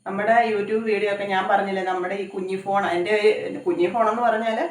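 A woman's voice: mid-range voice, steady tone, fast talker. A woman cooking at home and chatting to her vlog viewers. She rambles conversationally and keeps tagging her sentences with little check-ins. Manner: rambling, conversational, often adds tag questions. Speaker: cooking vlogger. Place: home kitchen. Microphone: phone camera some distance away. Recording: echoey room, voice from far off.

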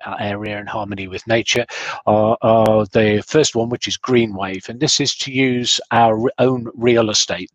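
A man giving a corporate presentation over a video call, measured, with frequent restarts. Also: on the low side, fairly bright tone, no echo, low-quality recording. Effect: heard over a video call. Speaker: corporate speaker. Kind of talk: webinar presentation.

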